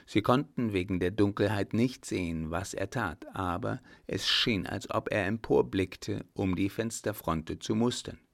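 A man reading a novel aloud as narrator, in a steady, measured way. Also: fairly low pitch, creaky, no echo, studio quality. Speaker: audiobook reader. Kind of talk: scripted narration.

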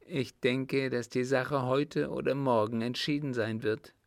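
An indignant, flustered count with a raised, incredulous way of questioning, as a man puts him on in a higher voice. He sounds slow and gravelly, as if reading from a storybook, with a dry, close sound. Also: fairly even intonation, no echo. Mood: surprised.

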